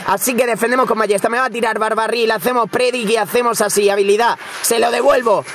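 Young man, high bright voice, hyped gameplay commentary, shouts often, faint hiss behind. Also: quick pace. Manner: excitable, frequent shouting and repeated words. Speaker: gaming streamer.

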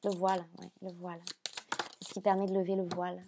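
A French woman giving a spiritual card reading to the viewer, speaking softly and hesitantly, often repeating phrases with many fillers. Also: lowish voice, monotone, fast, noisy background. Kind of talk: channeled reading, addressing viewer.

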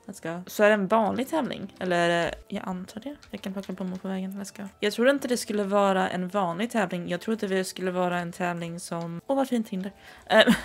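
A woman in her twenties from southern Sweden, chatting and giggling excitably while commenting on a game she plays. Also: mid-range voice, vocal fry. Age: 20s. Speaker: gaming streamer. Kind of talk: casual gameplay commentary.

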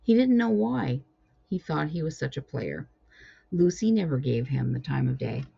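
A woman reading her own cat storybook aloud with expressive storytelling. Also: low-pitched, moderate pace, gravelly, husky. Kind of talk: storybook narration. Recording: dull lo-fi recording.

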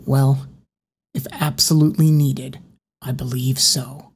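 A woman's voice: a bass voice, flat delivery, slow, darkish tone, slightly rough, full character voice. A woman reading an audiobook, voicing a serious male police constable with stiff, formal delivery. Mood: uneasy.

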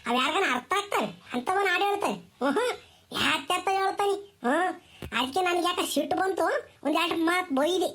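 Woman as high-voiced nagging village mother, rural Tumakuru Kannada, comedy skit. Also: brisk, a bit bright. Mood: complaining. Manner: nagging, scolding, rhythmic village talk. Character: scolding village mother, strict and sharp-tongued.

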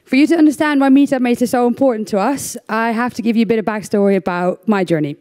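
A young woman from the Netherlands speaks at a conference, rattling along fast with a fairly high, warm voice. She keeps things chatty and pokes fun at herself, often using fillers and starting sentences over.

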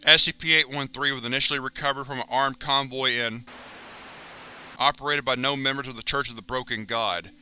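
A man reading a wiki entry aloud as a narrator, in a steady, formal, clinical way. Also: mid-range voice, brisk.

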